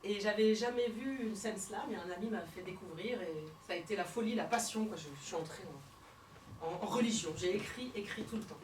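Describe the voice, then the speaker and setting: A woman comedian performing a one-woman stage show, telling her story theatrically and swinging between hushed and shouted lines. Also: medium pitch, a little fast, slight background noise. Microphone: fixed camera from the hall. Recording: roomy hall sound from far off.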